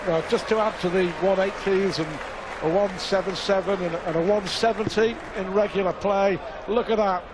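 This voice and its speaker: High-voiced male darts commentator. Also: steady tone, moderate pace. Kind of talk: live sports commentary. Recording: music and arena crowd behind. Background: music and crowd noise.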